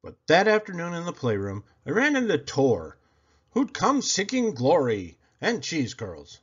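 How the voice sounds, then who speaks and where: Reading a children's picture book aloud, a man lets his pitch swoop wide and lively, stretching words out in a theatrical, expressive way. His pace is a touch slow with a slightly breathy edge. The audio comes across as somewhat dull and lo-fi.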